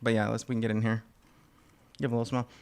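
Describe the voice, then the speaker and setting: A man's voice: mid-range voice, rapid-fire, creaky, clear, resonant tone. A man hosting a casual podcast chat, talking loosely with lots of fillers while cutting and tasting fruit. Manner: relaxed, rambling, many fillers. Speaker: podcast host.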